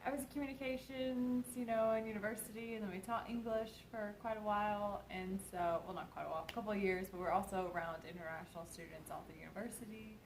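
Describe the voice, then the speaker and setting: A woman's voice: mid-range voice, fairly even intonation, fast talker, hardly any pauses, slight background noise, low-quality recording. A young woman from Kentucky with a faintly Southern accent, co-hosting and rambling through casual explanations. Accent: mild Kentucky Southern. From Kentucky, USA. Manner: rambling, filler-heavy. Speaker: co-host. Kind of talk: casual chat.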